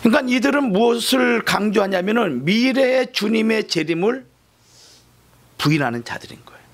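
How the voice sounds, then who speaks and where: A male pastor preaching a sermon with emphatic, dramatic swings in loudness, explaining scripture in plain everyday terms. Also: sits high, lively intonation, normal speed.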